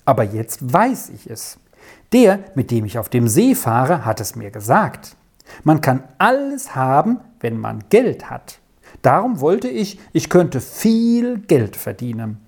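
A woman's voice: rumbling low, big pitch swings, slow, a little mellow, husky, heavily acted. A woman voicing a cheerful, boastful young boy in a children's story, talking eagerly and persuasively.

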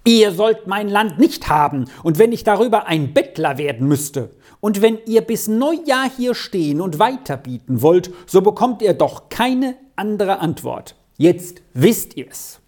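A man's voice: high voice, big pitch swings, unhurried, darkish tone, pitched above the performer's own voice, full character voice. A man reading aloud, voicing a stubborn, proud farmer who refuses firmly and defiantly. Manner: firm and defiant.

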